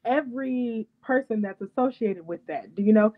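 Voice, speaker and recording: A woman's voice: fairly high pitch, moderate pace, phone-quality sound. A woman from St. Louis co-hosting a casual chat show, bubbly and teasing. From St. Louis, Missouri. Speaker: co-host.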